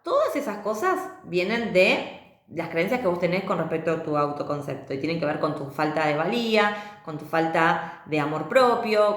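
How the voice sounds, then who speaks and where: A woman with a Rioplatense Spanish accent talks through a personal lesson, earnest and reflective, often checking in with the listener. Her voice sits in a middle register for a woman. The room around her is echoey. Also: mid-range voice. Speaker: spiritual healing teacher. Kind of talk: personal teaching monologue.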